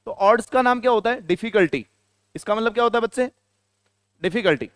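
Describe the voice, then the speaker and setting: A man teaches a classroom lesson in a high, crisp voice. He keeps quizzing his students and repeating the answers. The sound is close and dry, with no room echo. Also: a little fast. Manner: questions the students and answers himself, repeating key words. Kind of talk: classroom lecture.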